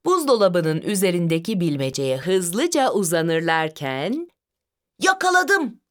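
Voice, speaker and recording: A woman reading a children's story aloud in a gentle, expressive storybook narration. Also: mid-range voice, unhurried.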